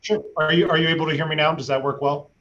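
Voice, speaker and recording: A man's voice: a little high, fairly even intonation, pushed and bright. A man, an attorney, formally questioning a witness over a video call whose audio keeps breaking up and lagging. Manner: formal, measured. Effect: choppy, laggy video-call audio that breaks up. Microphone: computer mic on a video call. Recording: muffled lo-fi video call with faint noise.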